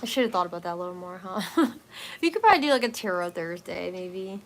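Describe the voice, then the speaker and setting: A woman hosting a wellness live stream, chatting casually and hesitantly with viewers, soft-spoken and relaxed, with many fillers. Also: fairly low pitch, fast, slight background noise.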